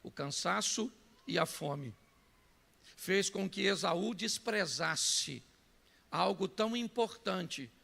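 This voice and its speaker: A man with a Brazilian Portuguese accent preaching a sermon, telling stories and breaking into shouts. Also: high-pitched, expressive, slow pace, vocal fry, big-room sound. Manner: storytelling preacher who bursts into shouts. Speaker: pastor.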